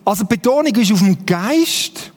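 High-voiced Swiss preacher in a hall. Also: male voice, animated, normal speed, darkish tone. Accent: Swiss German. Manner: conversational, keeps asking the congregation "oder?". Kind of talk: sermon. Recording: long hall reverb.

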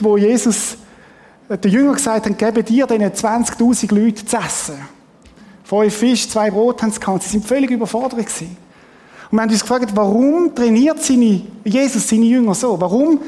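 A man preaching with a mellow, dark voice, and his words ring on through a church hall with a long echo. He talks to the congregation in a plain, earnest way and keeps asking them questions. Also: sits high, moderate pace. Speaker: pastor. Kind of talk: sermon.

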